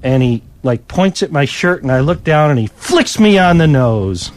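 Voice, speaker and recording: A man's voice: fairly high pitch, animated, normal speed, no echo. A man working as a radio DJ, telling a rambling anecdote in casual on-air chat from a studio. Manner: rambling anecdotal storytelling with chuckles. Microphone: studio microphone.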